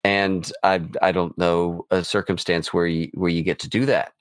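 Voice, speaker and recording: Low-voiced middle-aged podcast host. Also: male voice, level tone, moderate pace, no room sound. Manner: restarts often, with playful laughter. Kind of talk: casual sports chat.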